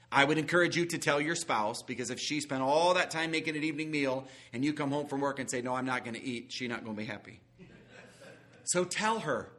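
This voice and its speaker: A man's voice: on the high side, bright, forceful tone. A man preaching a sermon in an earnest, folksy way, sometimes acting out quoted voices. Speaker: guest preacher.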